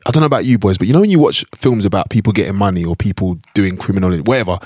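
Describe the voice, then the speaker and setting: A man's voice: on the low side, very fast, darkish tone, a little hiss or hum. Man hosting a casual film chat. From England. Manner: repeats phrases, steers the talk along. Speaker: podcast host.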